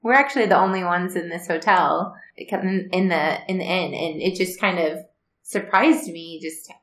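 Woman host, low voice, casual chat, echoey room. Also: normal speed, a bit bright. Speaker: podcast host interviewing a guest. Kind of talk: casual interview. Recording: roomy echo.

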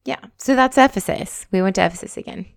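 A woman from the American South co-hosting a podcast in casual chat. She chats in a relaxed way and is quick to chime in. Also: mid-range voice, creaky, dry recording, studio quality. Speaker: podcast co-host.

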